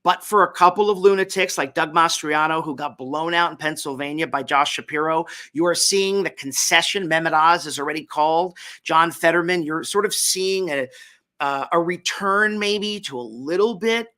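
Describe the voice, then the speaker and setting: Hungover man, political talk host, higher-pitched voice, sharp and forceful, emphatic, opinionated, halting self-checks. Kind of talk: political commentary to an audience.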